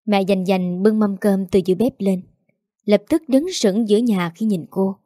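A woman narrating a story in a steady, measured way. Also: mid-range voice, no echo, clean studio sound.

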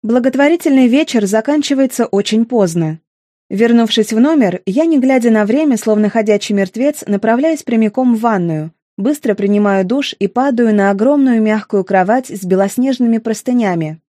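Audiobook narrator: woman, slightly high voice, measured expressive first-person reading, dry close studio sound. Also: no echo.

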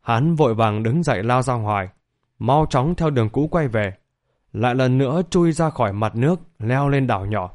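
A man's voice: mid-range voice, lively intonation, normal speed, a little mellow. Man narrating a fantasy audiobook. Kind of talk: scripted story narration.

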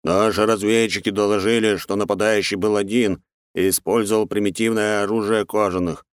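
A man voicing a large, deferential male insect herald reporting to his queen, with a smooth voice. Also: fairly low pitch, steady tone, fairly quick, dry recording, studio quality, pitched above the performer's own voice, close to an everyday voice.

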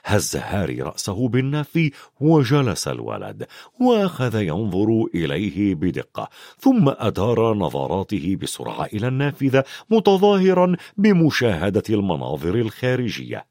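Man, audiobook narration, storybook, lively pitch, dry close sound. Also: normal speed, no echo.

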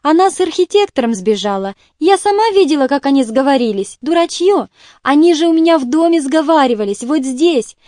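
Woman voicing a tearful, agitated hostess; shrill, high and loud. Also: moderate pace, no room sound, clean studio sound. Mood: excited. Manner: shrill, excited.

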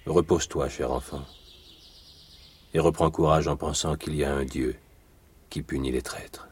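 An actor in a 1980s radio drama playing a composed nobleman who speaks calmly and courteously. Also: low voice, a little slow, slightly rough, heavily acted. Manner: calm, courtly, assured. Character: Count of Monte Cristo, commanding, composed nobleman.

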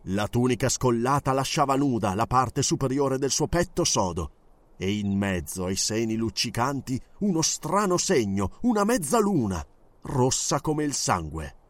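Male audiobook narrator, dramatic, lively pitch, dry close sound. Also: normal speed, dry recording. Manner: expressive, dramatic reading.

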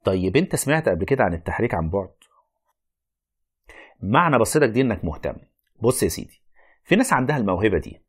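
A man's voice: on the low side, big pitch swings, quick pace, long pauses, slightly rough. An actor playing a wry, reluctant, learned Egyptian man who argues, explains and narrates in a radio play. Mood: explaining.

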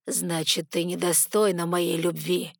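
Woman reading a slow coaxing father. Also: fairly low pitch, flat delivery, slightly rough, no echo, clean studio sound. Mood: cold. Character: father, calm then cold and cruel.

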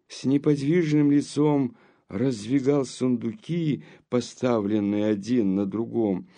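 A man narrating a classic novel as an audiobook in a slow, measured storytelling manner. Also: medium pitch, dark tone.

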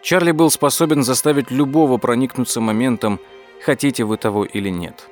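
A man reading an audiobook as its narrator, telling the story in a measured, even way. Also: mid-range voice, faint music behind. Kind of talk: scripted narration.

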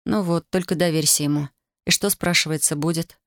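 A woman narrating an audiobook in a measured, even manner. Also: deep voice, no room sound, clean studio sound.

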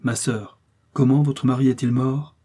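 A man voicing an English nobleman who forcefully accuses and demands justice in an audiobook. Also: medium pitch, steady tone, unhurried, breathy edge. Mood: accusing.

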